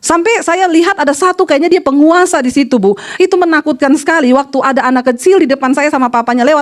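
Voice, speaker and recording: A woman pastor delivers a sermon in a high, bright voice. She tells stories with animation and shifts her voice to act out the people she quotes. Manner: animated storytelling, quoting voices with shifts in pitch.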